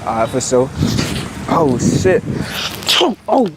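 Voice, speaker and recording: Young guy doing a street prank vlog, slangy, voice jumps all over, loud traffic noise behind. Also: medium pitch, sing-song, slow pace. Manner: slangy, apologetic, fake-sick pleading. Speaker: prank video host. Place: outdoors on a city street. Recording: loud street noise on outdoor camera mic.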